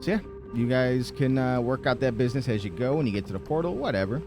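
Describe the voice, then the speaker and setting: A man's voice: medium pitch, fast, music in the background. A man casually bantering and narrating as game master of a tabletop roleplaying game.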